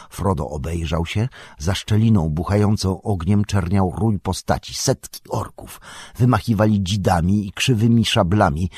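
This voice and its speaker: Deep, husky audiobook narrator. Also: male voice, darkish tone, dry recording, clean studio sound. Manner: measured, dramatic storytelling. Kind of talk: audiobook reading.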